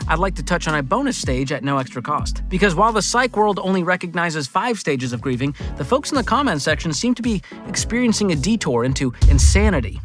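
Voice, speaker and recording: A man's voice: on the high side, big pitch swings, brisk, few pauses, faint music behind. A man hosting scripted comedic commentary, talking in a sarcastic, joking and emphatic way. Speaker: video host.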